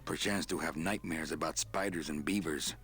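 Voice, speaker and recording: An actor playing a suave, world-weary nightclub boss and video game hero, full of wry, dry asides. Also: male voice, rumbling low, normal speed, fairly bright tone. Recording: game music behind the voice.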